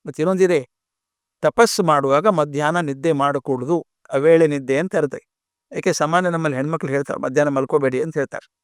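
An older man, talking in a fairly high voice as he tells an epic story. His delivery is animated, and he acts out the characters' lines. The sound is dry and close, with no room echo. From India. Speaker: storyteller and speaker on epics. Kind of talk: spoken storytelling lecture.

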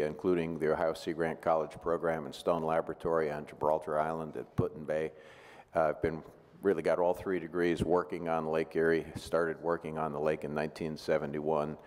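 An older man speaks at a table microphone on a panel, with an extremely deep and flat voice. He talks in a measured, list-like way. The big hall gives him a long reverb. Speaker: university program director. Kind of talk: panel self-introduction. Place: large hotel ballroom meeting.

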